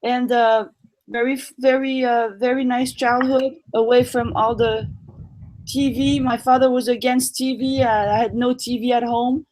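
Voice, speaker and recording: A woman who grew up in Morocco, speaking as a guest on a casual chat show. Her voice sits a little high, and she talks haltingly, filling gaps with ums and starting her phrases over. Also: little pitch movement, darkish tone, poor audio. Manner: hesitant, many ums and restarts.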